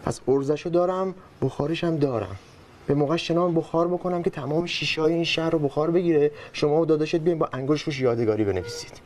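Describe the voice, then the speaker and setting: A man's voice: fairly high pitch, darkish tone, slight background noise, close to an everyday voice. An actor playing a bitter, sarcastic young husband who argues with his in-laws in a TV drama. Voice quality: sarcastic, argumentative. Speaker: son-in-law living with in-laws. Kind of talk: TV drama acting.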